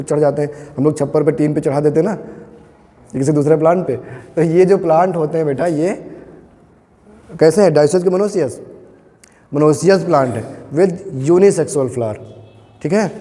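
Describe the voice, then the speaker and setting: A man's voice: on the high side, warm tone. Echoey man teaching a biology class. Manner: patient, asks students questions, calls them "beta". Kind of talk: classroom lecture. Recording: long echo in a hall.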